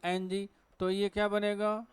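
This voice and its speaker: Male teacher with a Hindi accent, high clear voice, dry sound, quizzing the class and answering himself. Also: monotone, unhurried, no echo. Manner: asks the class questions and answers them himself. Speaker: English teacher. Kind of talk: classroom lecture on pronunciation. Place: classroom with a board.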